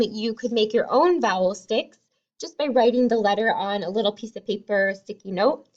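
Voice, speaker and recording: Woman, kindergarten teacher, remote phonics drill, unhurried, sounds out every letter, muffled lo-fi audio. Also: on the high side. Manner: slow, clearly sounding out letters and words. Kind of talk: remote phonics lesson for young children.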